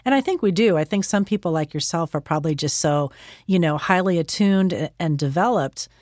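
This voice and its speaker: A woman interviewer with a notably low voice, recorded close and dry in the studio. She talks in a reflective way, often pausing to search for the right words, and laughs easily. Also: lively intonation, darkish tone, dry recording. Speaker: interview host. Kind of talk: conversational interview.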